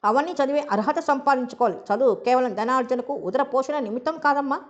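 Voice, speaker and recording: Woman reader as an earnest, lecturing mother, slightly high voice, dull lo-fi sound. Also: brisk, lightly acted. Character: stern middle-aged mother who lectures her daughter.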